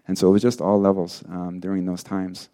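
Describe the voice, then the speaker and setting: A man's voice: low voice, fairly quick. A man preaching in a casual storytelling way, full of fillers, acting out the people he quotes. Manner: acts out quoted people in lively bursts. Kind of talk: sermon testimony.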